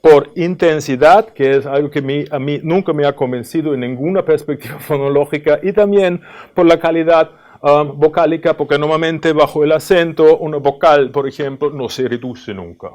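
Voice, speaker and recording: A man presenting at an academic conference, explaining in a thoughtful, questioning way with frequent pauses and filler sounds. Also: fairly high pitch, darkish tone. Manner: analytical, questioning tone.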